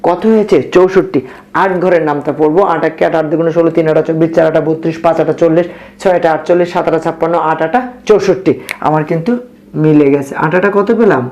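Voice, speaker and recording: A man teaching arithmetic to young children, speaking softly and patiently, counting steps aloud and quizzing his students, with a Bangladeshi Bengali accent. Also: fairly high pitch, steady tone, quick pace. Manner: speaking softly on purpose late at night. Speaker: math teacher. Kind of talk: math lesson for young children.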